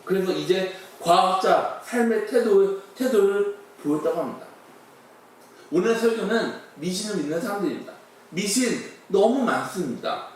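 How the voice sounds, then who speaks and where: Male pastor, high voice, lively storytelling sermon, distant mic in a reverberant room. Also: normal speed. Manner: storytelling with acted-out dialogue and questions to the congregation. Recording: echoey room, mic far off.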